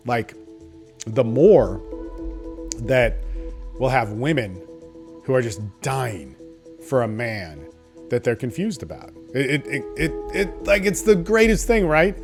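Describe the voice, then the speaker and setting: A man giving informal coaching advice in a confident, salesy, casual way, often checking in with "right?". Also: medium pitch. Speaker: dating coach.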